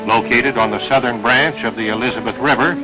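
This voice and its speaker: A man's voice: medium pitch, steady tone, fairly quick, rough recording. A man giving formal announcer-style narration in an old newsreel. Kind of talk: scripted documentary narration. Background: music.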